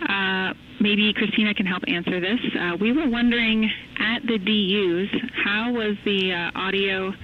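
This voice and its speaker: A woman's voice: mid-range voice, steady tone. A woman speaking as mission control communicator in clipped, procedural radio calls over a narrow, crackly space-to-ground radio link. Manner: procedural, measured radio phrasing. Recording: tinny radio relay with faint hiss.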